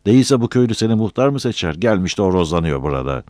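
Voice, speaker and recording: A man's voice: on the low side, big pitch swings, racing, warm tone, no room sound, clean studio sound, voice pushed up. A man voicing a poor, defiant young villager who answers back bluntly. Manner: blunt, insolent retorts.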